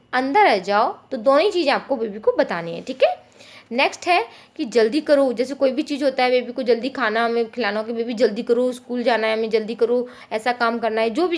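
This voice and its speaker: Lady teaching parents, high voice, friendly and explainy. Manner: friendly, explanatory, acts out phrases to a child. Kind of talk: informal Hindi tutorial.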